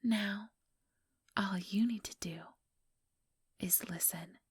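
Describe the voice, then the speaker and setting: In a whispered ASMR roleplay, a woman plays an ambitious vampire elder, breathy, deliberate and patronizing with a cool menace and a smug, gloating mood. Her medium-pitched voice is clean studio sound with no room echo.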